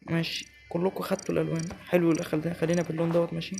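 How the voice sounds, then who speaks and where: A man with an Egyptian Arabic accent giving excitable live commentary as he plays a game, talking straight to his viewers. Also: fairly high pitch, rapid-fire, vocal fry, slight background noise. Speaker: gaming channel host.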